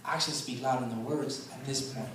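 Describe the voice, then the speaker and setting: A man preaching a sermon in a conversational storytelling way, often saying "man" and repeating words, and getting loud and intense to drive a point home. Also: mid-range voice, steady tone, normal speed, crowd noise. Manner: rises loud and intense for emphasis. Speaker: guest preacher. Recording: echoey hall, voice picked up from a distance.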